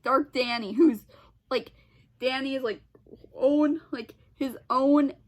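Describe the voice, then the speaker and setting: Speaking in a high voice, a young online video host offers loose, off-the-cuff commentary. She halts often to repeat or reword things and reacts with exclamations.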